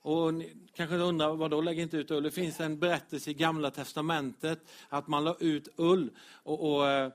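A man preaching a lively, direct sermon as pastor to his congregation. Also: fairly high pitch. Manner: animated, direct, addresses congregation, chuckles.

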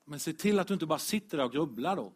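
A man preaching a lively, direct sermon as pastor to his congregation. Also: a little high, husky. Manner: animated, direct, addresses congregation, chuckles.

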